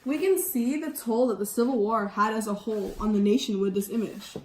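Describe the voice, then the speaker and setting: Teen girl doing a sassy schoolgirl, kinda high voice, echoey room. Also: fairly quick, darkish tone, close to an everyday voice. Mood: earnest. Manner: sassy, questioning. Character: sassy teenage girl student. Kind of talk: amateur school skit.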